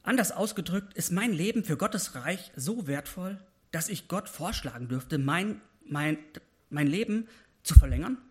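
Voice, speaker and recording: A man's voice: on the high side, expressive, unhurried. Impassioned German-speaking man preaching. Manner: impassioned, rising to emphatic peaks when voicing prayers. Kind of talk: personal devotional sermon.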